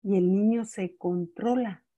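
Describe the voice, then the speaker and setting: Older woman, family-class teacher; slow, deliberate delivery with repeats and frequent check-ins. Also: mid-range voice, fairly even intonation, warm tone. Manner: unhurried, repeats words, checks in with "¿sí?". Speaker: family-school speaker. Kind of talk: teaching talk with personal stories.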